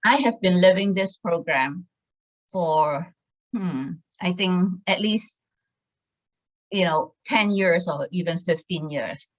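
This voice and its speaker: Slow, hesitant woman in her sixties. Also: fairly low pitch, low-quality recording. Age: 60s. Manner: hesitant, many fillers and restarts. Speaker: wellness product presenter. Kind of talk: casual sales talk.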